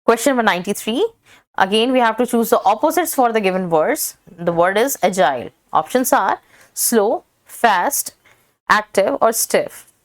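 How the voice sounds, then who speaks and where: A woman's voice: a little high, animated, normal speed. A woman reading out exam practice questions as a teacher. She lists each set of options steadily and stresses the correct answer.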